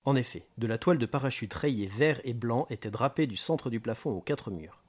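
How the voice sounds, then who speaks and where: A man narrating a crime novel excerpt in a steady, measured reading voice. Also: mid-range voice. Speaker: reader. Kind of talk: audiobook narration.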